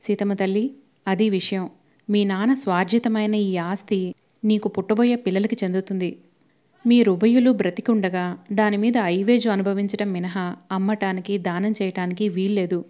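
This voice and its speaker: A woman voicing an elderly, kindly male family lawyer who gives slow, measured, fatherly advice in a storybook reading. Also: medium pitch, steady tone, mellow, natural voice.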